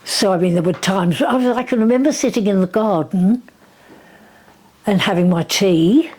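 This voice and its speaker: A woman's voice: mid-range voice, moderate pace, a little mellow, breathy edge. Very old southern English woman reminiscing. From southern England. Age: 90s, very old woman. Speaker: interviewee. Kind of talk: reminiscing in casual conversation.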